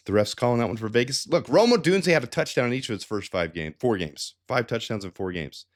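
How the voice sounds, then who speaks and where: Stuffed up with a head cold, a sports channel host talks through stats in a casual, energetic way, full of asides and restarts. His pitch is medium and his pace moderate, with a slightly nasal sound.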